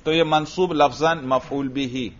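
A man's voice: medium pitch, fairly even intonation. Patient man drilling grammar, lo-fi. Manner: coaxing, repeats answers back, quizzes the student. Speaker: Arabic grammar teacher. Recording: lo-fi recording.

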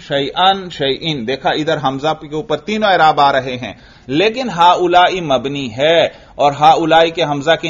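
A man teaching an Arabic grammar lesson, asking his students questions, answering them himself, and drawing out the example words slowly. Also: a little high. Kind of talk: classroom lesson. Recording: dull lo-fi recording.

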